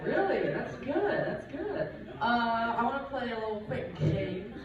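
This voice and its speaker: A man's voice: extremely high pitch, very animated, measured pace, muffled recording. A young man in his twenties doing stand-up and crowd work in a rambling, giggly, loose way. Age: 20s. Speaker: stand-up comedian. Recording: roomy, distant mic in a club.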